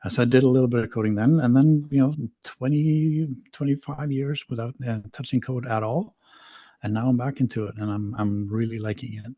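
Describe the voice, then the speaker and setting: A man's voice: mid-range voice, fairly even intonation, fairly quick, no echo, lo-fi sound. A middle-aged man from Sweden, a podcast guest talking casually, rambling and self-deprecating with frequent restarts. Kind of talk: casual interview talk.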